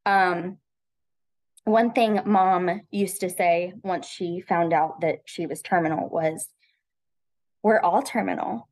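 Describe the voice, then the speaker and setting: A woman's voice: on the low side, fairly even intonation, slow. Reflective woman telling her story. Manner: reflective, with frequent restarts and filler "um"s. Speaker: podcast guest. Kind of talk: personal storytelling in an interview.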